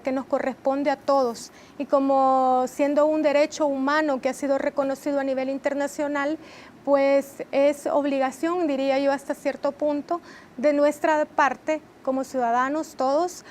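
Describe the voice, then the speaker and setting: A woman, answering as a guest in a TV interview in a measured, explanatory way. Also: sits high, a little mellow, slight background noise. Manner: measured, explanatory, with frequent rhetorical tag questions. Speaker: interview guest, training head.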